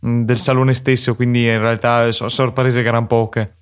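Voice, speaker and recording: A man with a persistent cough, chatting hesitantly as a podcast co-host with frequent pauses. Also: mid-range voice, little pitch movement, smooth. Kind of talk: casual podcast discussion.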